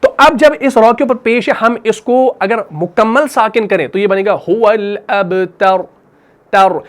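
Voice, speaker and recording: A man with an Urdu accent teaching a tajweed lesson, explaining step by step, asking and answering his own questions, and slowing into drawn-out melodic recitation for each verse. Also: very high-pitched.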